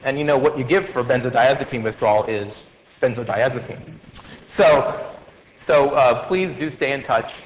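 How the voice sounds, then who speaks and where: A man's voice: medium pitch, normal speed. A man in his forties giving a farewell lecture to medical students, conversational and joking, with many fillers and restarts. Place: lecture hall. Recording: reverberant lecture hall with faint ambience.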